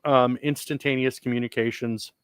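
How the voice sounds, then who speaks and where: A man's voice: mid-range voice, fairly even intonation, moderate pace, smooth, no room sound. Rambling podcast guy, dry mic. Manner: rambling, restarts often, enthusiastic about sci-fi tech. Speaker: podcast co-host. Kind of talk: casual chat.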